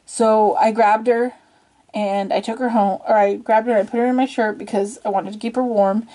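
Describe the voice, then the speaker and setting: A woman's voice: fairly high pitch, steady tone, moderate pace, dark tone. A woman hosting a casual story time, rambling and giggling at herself as she goes. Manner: rambling, giggly and self-deprecating. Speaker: channel host.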